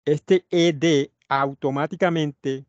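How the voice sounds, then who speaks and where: Guy teaching english grammar over an online call, slow and repetitive, dull dry audio. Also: fairly high pitch, steady tone, dry recording. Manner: explains slowly, repeating points with many "etcétera". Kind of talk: online class lecture. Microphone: computer mic on a video call.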